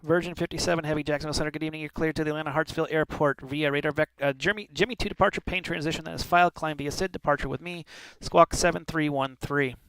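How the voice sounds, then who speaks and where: A man's voice: fairly high pitch, steady tone, fast, hardly any pauses, fairly bright tone, clean tone, no room sound, poor audio. A man working as an air traffic controller, giving clipped formal instructions with occasional informal asides. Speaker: air traffic controller in online flight simulation.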